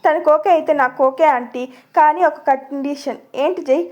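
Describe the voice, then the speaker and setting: Woman reading as a respectful young groom, measured and earnest, storybook role. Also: sits high, a little mellow, dull audio, natural voice. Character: calm young groom, polite and principled.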